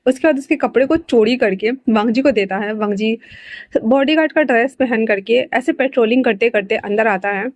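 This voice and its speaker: Chatty woman storyteller, higher voice. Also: moderate pace, dry recording. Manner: chatty, colloquial, mixing English words. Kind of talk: casual fan-fiction story narration.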